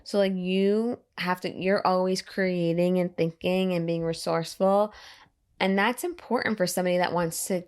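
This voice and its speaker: A woman's voice: fairly low pitch, steady tone, moderate pace, darkish tone, clear, resonant tone. A woman hosting a podcast, chatting casually with lots of fillers and the odd swear word. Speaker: podcast host. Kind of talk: casual chat.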